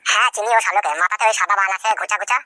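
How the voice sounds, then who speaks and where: A performer voicing a scheming young village man in a comic cartoon dub, talking low and grumbling. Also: racing, pushed and bright.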